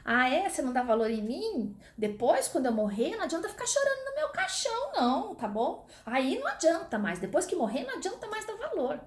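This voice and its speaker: A woman's voice: sits high, big pitch swings, fairly quick, few pauses, pitched above the performer's own voice. A woman putting on a nagging, melodramatic mother. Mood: exasperated scolding. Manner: melodramatic, nagging, guilt-tripping. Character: exasperated scolding mother, middle-aged. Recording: echoey room.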